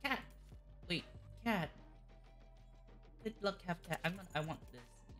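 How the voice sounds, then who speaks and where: A woman chatting casually on a game livestream in a giggly, easily excited manner. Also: on the low side, unhurried, faint music behind. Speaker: livestreamer playing a shooter game.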